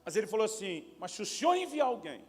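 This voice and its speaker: Fast-talking high-voiced male pastor. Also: slightly rough, in a large hall. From Brazil. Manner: animated, acts out dialogue with shifting pitch and volume. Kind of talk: storytelling sermon. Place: large church hall at a conference.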